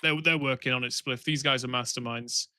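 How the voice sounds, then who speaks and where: A man's voice: medium pitch, steady tone, brisk, pushed and bright, smooth. A man co-hosting a game stream, casually reading chat and chatting along. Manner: reads chat messages aloud, easygoing. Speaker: stream co-host.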